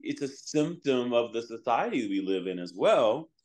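A man's voice: medium pitch, very animated, moderate pace, darkish tone. A man co-hosting a reality TV podcast, talking in an emphatic, joking way. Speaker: podcast co-host. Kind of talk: casual podcast chat.

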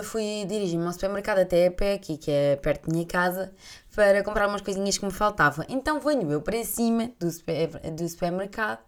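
A young adult woman with a European Portuguese accent hosts a podcast, telling anecdotes animatedly in a casual chat. Her voice is mid-range, and she laughs often and acts out voices.

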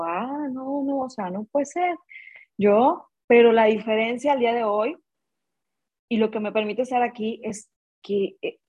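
A woman's voice: medium pitch, darkish tone, slightly rough, muffled recording. A woman in casual conversation, hesitant, with many fillers and restarts.

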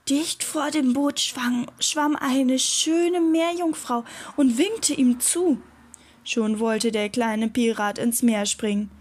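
A woman reading a children's adventure story aloud in a gentle storytelling manner. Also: on the high side.

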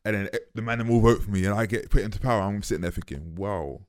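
A man's voice: on the low side, rapid-fire, a little mellow, clean tone. A man with a London roadman accent and slang, bantering casually with friends on a podcast. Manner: London roadman slang, speaking in 'bro' and 'fam'.

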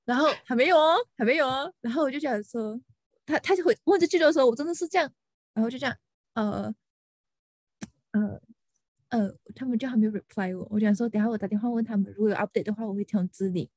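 Venting young woman, high and dry. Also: quick pace, no room sound. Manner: venting, animated, mixes in English words. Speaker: podcast co-host, lawyer. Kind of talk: casual chat.

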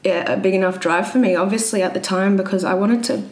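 This interview guest is a Brisbane woman in her twenties whose mid-range voice is steady, darkish, and fast, with a Queensland Australian accent. She recounts her personal story in a casual, slightly hesitant way. Background noise is audible and the room echoes.

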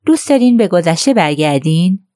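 A woman voicing an earnest, lively young woman who speaks in an eager, somewhat hesitant way. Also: on the low side, dry recording, studio quality.

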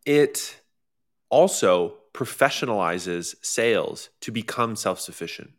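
A man co-hosting a live sales workshop, talking casually and enthusiastically, often chiming in with quick affirmations. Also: fairly low pitch, lively intonation. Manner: enthusiastic, frequent affirming interjections. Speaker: workshop co-host. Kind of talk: casual live webinar talk. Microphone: close to the mic.

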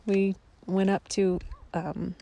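A woman's voice: medium pitch, level tone, slow pace, warm tone. A woman talking casually to a vlog audience in a reflective, hesitant way. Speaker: family camping vlogger.

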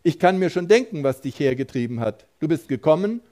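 A preacher reading a scolding elder brother. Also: male voice, fairly high pitch, animated, brisk, a little mellow, lightly acted. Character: angry elder brother soldier.

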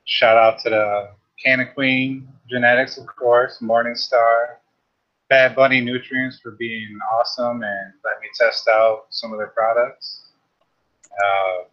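A man chatting casually as a panel member on a livestream. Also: medium pitch. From Michigan. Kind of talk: casual chat. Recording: slightly muffled livestream audio.

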